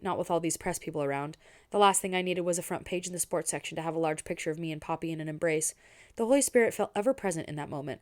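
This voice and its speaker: A young woman reading a novel aloud expressively, pausing to give her own reactions. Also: on the low side. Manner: expressive and personal, stops to react. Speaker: book reader and reviewer.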